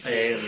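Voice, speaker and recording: Man, pastor, Bible class, lively storyteller, slightly high voice, echoey room. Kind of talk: live-streamed Bible class, conversational teaching. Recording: echoey room, faint background noise.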